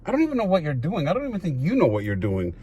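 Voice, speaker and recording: A man's voice: fairly high pitch, wildly swooping pitch, very fast, dark tone, dull audio. A man chatting casually and telling family stories in a teasing, playful, questioning way. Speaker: vlog host talking with older relatives. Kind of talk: casual chat, teasing storytelling.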